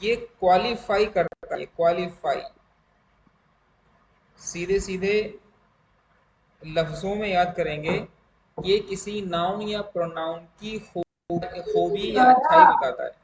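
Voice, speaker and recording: A man teaches English grammar to an online class, drawing out each English word very slowly. His voice sits high for a man. The room is echoey, with a faint hiss behind him.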